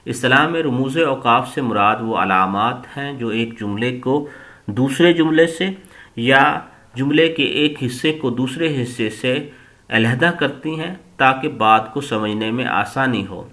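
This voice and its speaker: A man with a Pakistani Urdu accent teaching a recorded lesson, explaining in a slow, measured way with pauses. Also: mid-range voice, pushed and bright.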